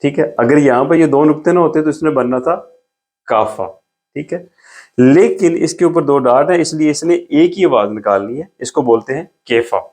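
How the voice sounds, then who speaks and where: His voice sits on the high side and is a little mellow. He's teaching a beginner language class, writing as he goes, explaining things patiently in steps and repeating each sound slowly.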